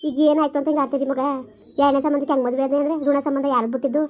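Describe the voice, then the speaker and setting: A weary village mother, as a woman plays her hushing and pleading in a high, flat voice. She talks at a breakneck pace, and the sound is dull and lo-fi. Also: rapid-fire, close to an everyday voice. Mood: exasperated. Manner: pleading, hushing, complaining of her own hardship. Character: weary rural mother calming her angry daughter. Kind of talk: village family comedy skit. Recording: dull lo-fi audio.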